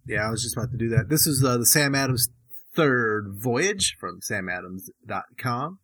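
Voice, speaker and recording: A man's voice: medium pitch, animated, moderate pace, a bit bright, slightly rough, no room sound. A man co-hosting a beer podcast, chatting casually and rambling with restarts and fillers. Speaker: podcast co-host. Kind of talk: casual chat.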